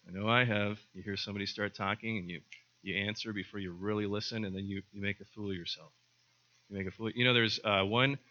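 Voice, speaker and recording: A man's voice: fairly low pitch, sharp tone. A middle-aged male pastor giving a conversational sermon, often repeating words and acting out short exchanges. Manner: conversational, repeats words, acts out little dialogues. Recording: slightly dull lo-fi sound.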